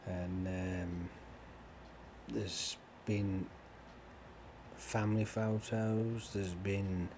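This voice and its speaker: A man's voice: low voice, very slow, long pauses. A man chatting in a meandering way while he plays a game, with lots of fillers and casual swearing. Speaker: gaming channel host. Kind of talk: rambling chat over gameplay. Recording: steady background noise.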